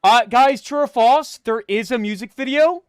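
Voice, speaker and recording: A young man live streaming and chatting with his viewers, jumping between loud hype and a low, mock-menacing mutter. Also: moderate pace, clear, resonant tone, no room sound, clean studio sound, soft background music.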